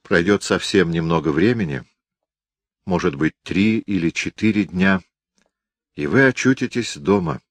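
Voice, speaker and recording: A man reading an audiobook, voicing a calm, firm young woman who protects children. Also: low-pitched, unhurried, dry recording. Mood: reassuring. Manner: soothing, firm.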